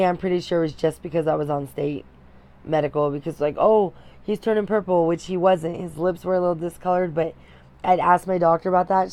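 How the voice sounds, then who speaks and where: A woman's voice: lowish voice, darkish tone. Young woman recounting a painful story. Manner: candid, emotional, halting with many restarts. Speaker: vlogger. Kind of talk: personal storytelling.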